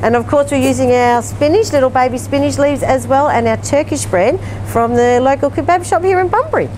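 A woman's voice: high-pitched, fairly quick, darkish tone, a little hiss or hum, low-quality recording. A middle-aged Australian woman co-hosting a casual cooking demonstration, chatty and gushing, full of questions. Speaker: co-host of cooking demo. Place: indoor kitchen demo set at a market.

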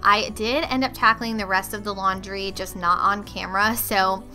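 A woman's voice: medium pitch, steady tone, normal speed. A young woman chatting casually as a cleaning and cooking vlogger, explaining with occasional filler ums. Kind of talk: casual voice-over narration. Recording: loud background music. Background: loud music.

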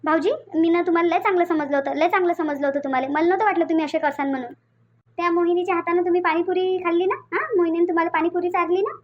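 A hurt, sulky young wife. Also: female voice, very high-pitched, very fast, highs cut off. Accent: Vidarbha Marathi (Varhadi). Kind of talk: cartoon voice acting.

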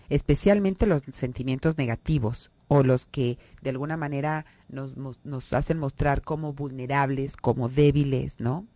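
A woman's voice: rumbling low, mellow, no echo. A woman with a Mexican Spanish accent hosting a radio talk on family psychology, acting out quoted people in raised voices. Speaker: radio host and therapist.

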